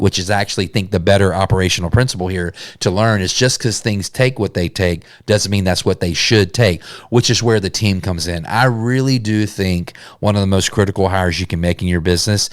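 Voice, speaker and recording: Earnest low-voiced man giving business advice. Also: normal speed, hardly any pauses, dry recording, studio quality. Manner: earnest, conversational, with self-corrections. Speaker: podcast host. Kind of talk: solo business talk.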